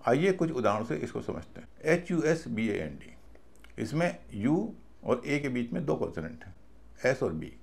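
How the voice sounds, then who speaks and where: A man's voice: mid-range voice, big pitch swings, moderate pace, vocal fry, darkish tone. A man teaching a recorded video class, explaining patiently and spelling out words letter by letter. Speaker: English pronunciation teacher.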